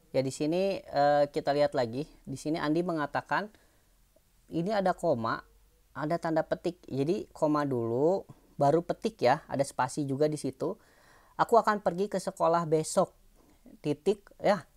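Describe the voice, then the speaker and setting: A woman teacher giving an online lesson, explaining patiently in a chatty way with fillers and tag questions. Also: deep voice.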